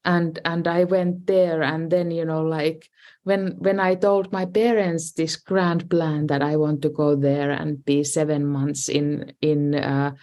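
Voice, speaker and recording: Slow and mellow, a low-voiced middle-aged woman from Finland speaks with a level tone and a Finnish accent. As a guest, this design professor and dean recounts her life in a casual interview, hesitating often, restarting, and filling gaps with "you know, like."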